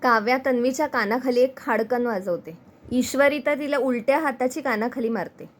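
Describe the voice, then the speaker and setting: A woman's voice: a little high, normal speed. A woman reviewer recapping a TV serial episode, telling the story steadily and addressing her viewers as friends.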